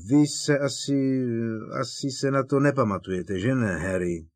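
A man voicing an elderly, fussy and sentimental potions teacher in an audiobook, talking in halting, emotional bursts. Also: fairly low pitch, lively intonation, no echo, studio quality. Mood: flustered.

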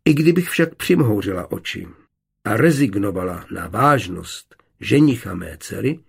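A cold, proud mother lays down terms about her daughter's marriage, as a man reads her part. The voice is husky with a gravelly edge, in an audiobook reading. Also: medium pitch, heavily acted. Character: stern middle-aged mother, proud and cold.

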